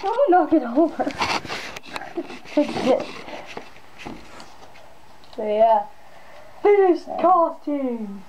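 A woman's voice: sits high, big pitch swings, very slow, long pauses, noisy background. A woman vlogging at home, speaking through a costume head, chatty and giggly with her brother. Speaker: vlogger showing homemade costumes. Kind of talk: casual home video chat. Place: indoors at home. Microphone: camera set down nearby.

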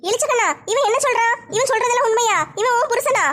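Give me a woman playing a brash, teasing tough woman, very high and quick. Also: little pitch movement, bright, forceful tone. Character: bold, tough older sister-figure woman. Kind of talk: comedy skit acting.

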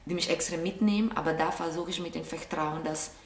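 A woman's voice: sits low, steady tone, brisk, slight background noise. A young woman from Brazil with a Brazilian Portuguese accent, chatting thoughtfully to camera from her sofa. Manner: thoughtful, gestures a lot with her hands. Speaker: vlog host answering viewer questions. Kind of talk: casual chat to camera. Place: living room, seated on a sofa. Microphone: camera a short way off. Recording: roomy sound, mic at a distance.

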